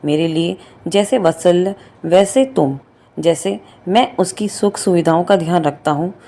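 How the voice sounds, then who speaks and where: A woman voicing a kind, soft-spoken older father-in-law in a read-aloud story. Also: fairly low pitch, unhurried, vocal fry. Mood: affectionate. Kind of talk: storybook reading.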